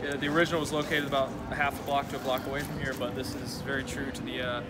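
A man's voice: medium pitch, level tone, very fast, very noisy. A man explaining history casually to friends on a trip, informative and storytelling, with many ums and uhs. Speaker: history buff companion on the trip. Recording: music bed.

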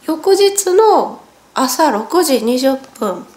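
A woman's voice: high-pitched, very animated, extremely slow, a little mellow. A woman, chatting casually in a home vlog, her speech a little sluggish and strained after nose surgery as she corrects herself along the way. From Japan. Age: 40s. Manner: chatty, self-correcting, talks while wincing in pain. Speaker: vlogger. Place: at home, indoors.

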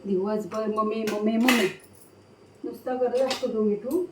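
Woman, high voice, chatty home vlogger calling her pets; echoey kitchen, distant mic, dishes clattering. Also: fairly even intonation, normal speed, background noise. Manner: chatty, calling out to her pet parrot and dog. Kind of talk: casual home vlog talk.

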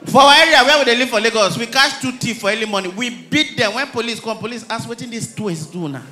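Nigerian guy doing standup, high voice, super bright, acts out all the characters. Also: quick pace. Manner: lively storytelling, acting out characters. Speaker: stand-up comedian. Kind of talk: stand-up comedy routine.

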